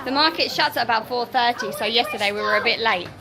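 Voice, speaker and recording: Speaking fast in a fairly high voice, this British woman narrates her family travel vlog in a chatty, casual way directly to viewers. Around her, busy public spaces fill the recording with crowd chatter and city bustle.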